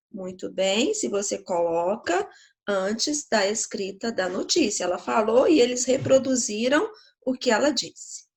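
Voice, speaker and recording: A woman teacher with a Brazilian Portuguese accent walks schoolchildren through a grammar lesson. She speaks slowly and patiently, in a fairly high voice. She keeps checking in with quick tag questions. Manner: slow, patient, explanatory, checking with "né?" and "tá?".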